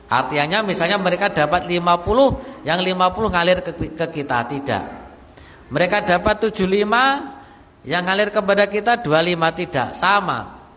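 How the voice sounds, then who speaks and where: High bright-voiced preacher. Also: male voice, animated, moderate pace, big-room sound. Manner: recites Arabic text then explains it plainly, repeating phrases. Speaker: Islamic teacher. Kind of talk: mosque study lecture. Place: mosque.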